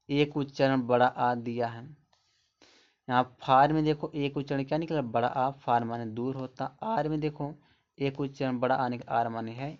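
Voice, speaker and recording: A man teaching English pronunciation in a spoken lesson, explaining slowly and repeating each word and its meaning. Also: medium pitch. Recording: dull lo-fi audio.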